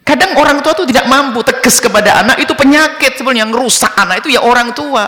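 A man's voice: very high-pitched, quick pace, sharp tone, long reverb tail. A man preaching a sermon to parents, speaking straight to the congregation. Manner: addresses the congregation directly.

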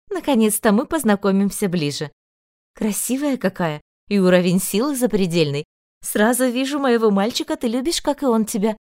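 Woman playing a high shrill noble mother, grumpy and sly, lively storybook voice. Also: dry recording, clean studio sound, natural voice. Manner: high, shrill and sharp-tongued.

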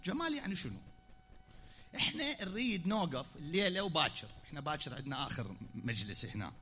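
Iraqi male preacher at a pulpit, high and very bright voice, teacherly sermon that swings to loud declaiming. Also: sing-song, quick pace. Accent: Iraqi Arabic. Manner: explanatory, swings from quiet asides to loud declaiming. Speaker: preacher at a mourning gathering. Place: pulpit in a hall.

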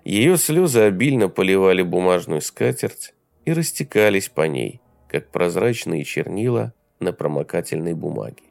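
Gravelly male audiobook narrator. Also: low-pitched, expressive, normal speed, darkish tone, dry recording.

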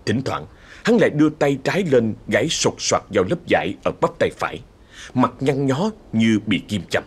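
A man's voice: medium pitch, sing-song, normal speed, darkish tone, breathy edge. A man narrating a ghost story vividly and dramatically.

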